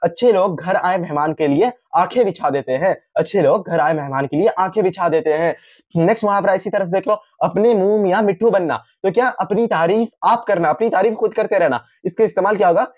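High-voiced man teaching a lesson. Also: brisk, a little mellow, no room sound, clean studio sound. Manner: repeats each point, chatty asides to students. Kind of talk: casual exam-revision lesson.

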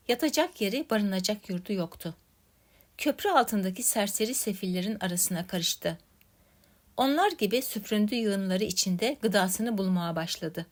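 Woman reading a classic story aloud. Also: medium pitch. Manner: measured, dramatic reading. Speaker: story reader. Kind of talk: literary story narration.

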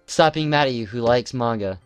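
A man's voice: mid-range voice, brisk, clean tone, dry recording, faint music behind. A man giving casual, joking commentary while playing a visual novel, often stumbling and restarting his words.

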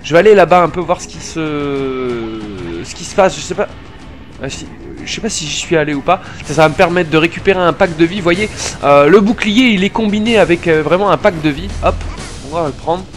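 A man hosting a gameplay video, chatty and excitable, peppering his casual commentary with slang, swearing and fillers. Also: fairly high pitch, brisk, faint music behind. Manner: many fillers while explaining.

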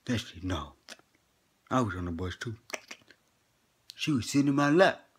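A man's voice: fairly low pitch, lively intonation, normal speed, breathy edge. A man playing a boastful old grandpa who tells tall tales in a folksy, slangy drawl and chuckles between lines. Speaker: comedy skit performer. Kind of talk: comedic character monologue.

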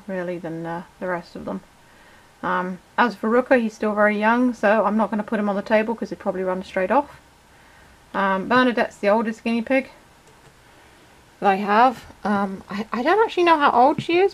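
A woman hosts a casual video, chatting fondly to her pet as she talks to the camera. Her voice is fairly high, and the recording quality is low.

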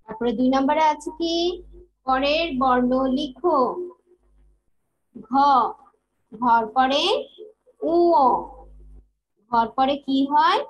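Slow, patient high-voiced woman teacher. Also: lo-fi sound. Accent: Bangladeshi Bengali. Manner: slow, patient, drills letters, sing-song chanting of rhymes. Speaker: kindergarten teacher. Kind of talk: online class lesson.

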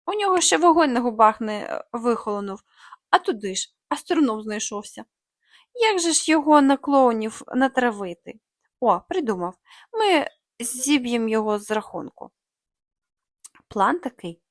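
A woman's voice: a little high, expressive, moderate pace, no room sound, clean studio sound, close to an everyday voice. A woman voicing a grumpy, scheming male monster leader who bosses his gang. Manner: grumbling, sly.

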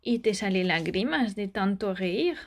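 A woman, a vlogger and mother, chatting softly and dotingly with a child and her viewers. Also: mid-range voice, animated, measured pace. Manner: doting and soft, speaking as to a small child. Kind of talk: casual chat with a child and viewers.

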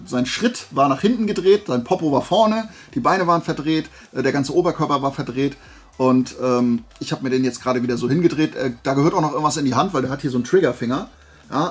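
A man with a fairly high, breathy-edged voice chats casually to viewers while presenting flea market finds. He is colloquial and playful, meandering into little digressions.

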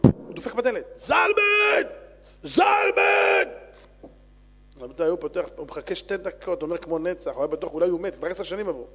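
Animated rabbi telling a story. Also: male voice, a little high, slightly rough. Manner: animated storyteller, acts out shouts and dialogue. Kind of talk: sermon storytelling. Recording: long hall reverb.

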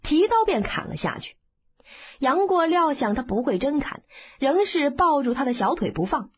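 A woman narrating a martial arts novel as an audiobook, in an expressive, dramatic storytelling manner. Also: sits high, moderate pace. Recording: phone-like narrow band.

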